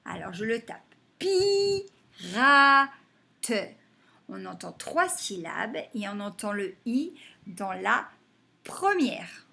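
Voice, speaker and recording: A woman teacher giving a phonics lesson to young children, saying words slowly and clapping them out syllable by syllable. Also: medium pitch, lively intonation, creaky, sharp tone. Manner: slow and deliberate, stretching and clapping out words syllable by syllable.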